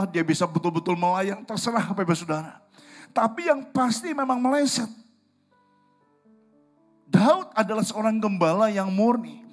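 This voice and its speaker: High-voiced male pastor preaching. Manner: storytelling, asks the congregation questions. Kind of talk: sermon. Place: church service.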